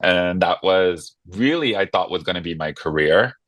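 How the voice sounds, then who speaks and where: A man's voice: low-pitched, expressive, moderate pace, a bit bright, no room sound. A man from Hawaii in his thirties or forties, a guest telling his story in a friendly, self-deprecating way with many fillers. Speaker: guest, nonprofit marketing director. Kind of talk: casual interview chat.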